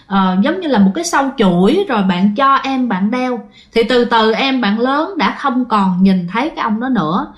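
Chatty Southern Vietnamese woman telling ghost stories. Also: fairly high pitch. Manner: chatty, addresses listeners directly. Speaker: storyteller. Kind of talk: ghost story narration.

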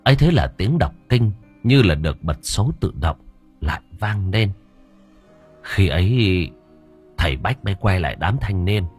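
A man narrates an audiobook in a low, husky voice. His delivery is expressive, with lively swings in pitch. The sound is dry and close, with faint music underneath. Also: unhurried. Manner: expressive, animated storytelling. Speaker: storyteller.

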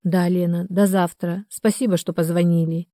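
A woman reads a grown daughter in this audiobook, pregnant and worn out, keeping her answers short. Her voice is low and mellow, recorded close and dry. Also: level tone, normal speed, no echo, natural voice. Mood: subdued.

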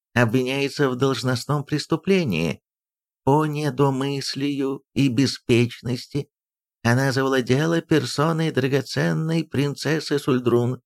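A man putting on a loud nasal haughty lady. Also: mid-range voice, gravelly, voice pushed up. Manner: imperious, commanding. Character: haughty noble housekeeper woman, cold and stern.

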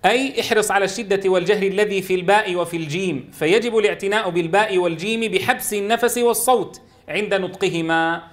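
A man's voice: high voice, fairly bright tone. A man teaching a Quran recitation lesson, drawing out and repeating letter sounds for his students to copy. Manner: drills letter sounds slowly, stressing and repeating them. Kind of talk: tajweed lesson with drills.

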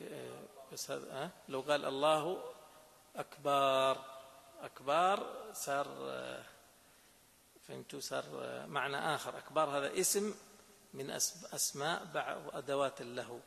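A sheikh teaches students a fiqh text, explaining the religious law and often checking that they understand. His medium-pitched voice is brisk, fairly bright, and shows vocal fry, recorded in an echoey hall with faint background noise.

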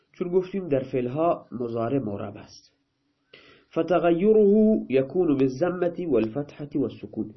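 A man's voice: mid-range voice, slightly rough. A male teacher giving a grammar lesson, reading a line of text and then explaining it in plain, everyday talk. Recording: dull, lo-fi recording.

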